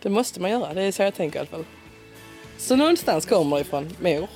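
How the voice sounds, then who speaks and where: A woman with a broad Scanian accent chatting in a relaxed interview, talkative and quick to laugh. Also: on the low side, soft background music. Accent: broad Scanian Swedish. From Skåne, southern Sweden. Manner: chatty, laughs often, lively. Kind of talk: casual conversational interview.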